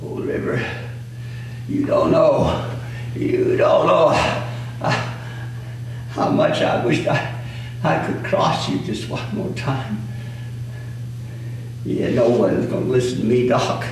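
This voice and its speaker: Male actor doing a slow, folksy, cantankerous old river baron; lively sing-song delivery, heard from across an echoey, noisy room. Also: mid-range voice, recorded from a distance. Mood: cranky. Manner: folksy, grumbling, talks back to an unseen doctor. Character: cranky elderly male riverboat magnate, stubborn. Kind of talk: one-man stage monologue.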